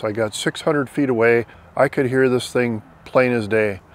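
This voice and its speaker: This medium-pitched, darkish voice belongs to a man in his fifties with an American accent. Working as a product reviewer and drone pilot, he gives a plainspoken demo and explanation on an open lawn, chatting casually while outdoor background noise runs through the recording.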